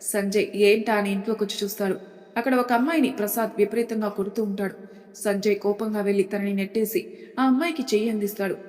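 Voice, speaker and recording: A woman with a Telugu accent narrating an audio story in a steady, even reading voice. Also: medium pitch, fast, soft background music. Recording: long hall reverb.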